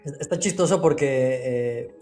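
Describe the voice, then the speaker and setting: Male podcast host, 30s, mellow voice, faint music behind. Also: medium pitch, unhurried. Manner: chatty, hesitant restarts while framing questions. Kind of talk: casual interview conversation.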